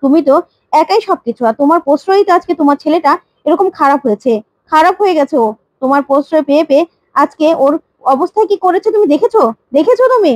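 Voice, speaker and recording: A woman voicing a sharp-tongued young woman who accuses her mother sarcastically, in a retold serial story. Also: sits high, lively intonation, fast talker, dry recording. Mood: accusing.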